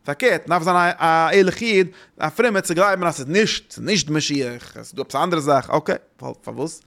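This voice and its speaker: A man talks through religious ideas in a loose, informal way. His voice sits a little high, and he halts and circles back over the same phrases again and again. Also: gravelly, fairly bright tone. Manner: rambling, halting, repeats phrases.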